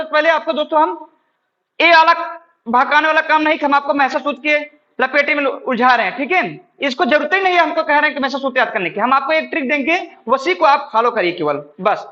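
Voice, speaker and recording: A man's voice: very high voice, pushed and bright, muffled recording. A man teaching Hindi grammar for exams. He asks questions and answers them himself, keeps saying "ठीक है", and explains step by step while addressing viewers as friends. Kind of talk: exam-prep classroom lesson.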